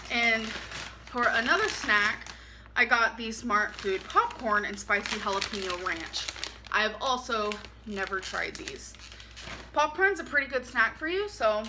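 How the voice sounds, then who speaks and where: A woman vlogger in her twenties, with a fairly high-pitched voice, giggles and chats her way through unpacking a grocery haul in her home kitchen late at night, clearly tired. The background is noisy.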